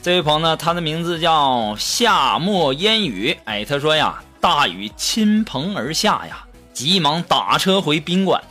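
A man hosting a show, reading listener jokes in a lively, teasing comic way. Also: a little high, measured pace. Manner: lively, teasing, acts out quotes. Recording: music playing behind.

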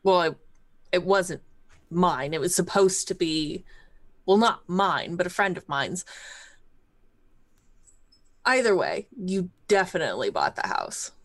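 A woman's voice: lowish voice, expressive, takes it slowly, long pauses, dry recording. A woman player bantering casually in a tabletop game, blunt, slangy and argumentative.

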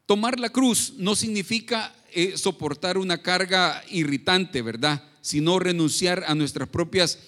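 A man's voice: sits high, a little slow, few pauses, a bit bright. A man preaching a sermon in a conversational way, often asking for agreement and restarting his phrases. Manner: conversational, frequent tag questions and restarts. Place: church. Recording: long reverb of a church hall.

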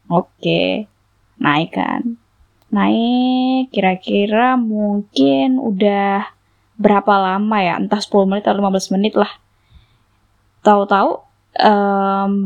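A woman's voice: mid-range voice, gravelly, lo-fi sound. Chatty young woman telling a story. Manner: chatty, animated, many fillers and laughs. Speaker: vlogger. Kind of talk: casual storytelling.

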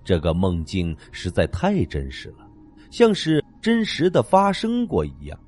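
A man's voice: low-pitched, huge pitch swings, unhurried, darkish tone, soft background music. A man narrating a horror story with dramatic, swinging intonation.

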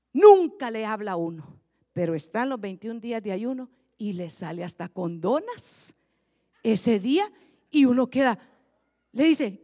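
Woman pastor, sermon, soft asides to loud preaching, high-ish voice, reverberant hall.

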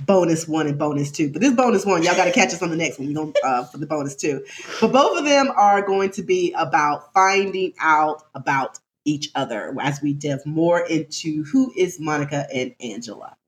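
Animated, laughing woman podcast host. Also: sits low, normal speed. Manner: laughs a lot, animated and teasing. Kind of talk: casual podcast chat.

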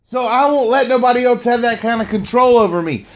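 A man's voice: extremely high pitch, fairly quick. A middle-aged man hosting a podcast, giving a motivational monologue, repeating lines for emphasis and often calling the listener "man". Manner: slangy, says "man" often. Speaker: podcast host and motivational speaker.

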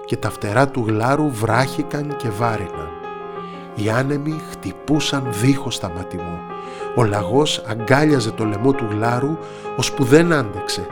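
A man narrating a children's storybook with expressive delivery. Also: medium pitch. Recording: narration over soft instrumental music.

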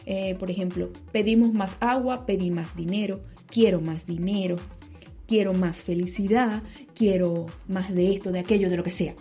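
A woman explaining grammar rules in a spoken lesson, slowing down on key points and correcting herself as she goes. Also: medium pitch, steady tone, mellow, faint music behind. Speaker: teacher.

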